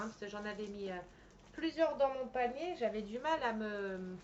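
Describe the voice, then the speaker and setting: Woman, higher voice, casual unboxing chat, enthusiastic, halting, faint home noise, muffled mic. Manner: chatty, enthusiastic, with frequent hesitations. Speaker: vlogger reviewing a purchase. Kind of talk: casual unboxing and screen walkthrough.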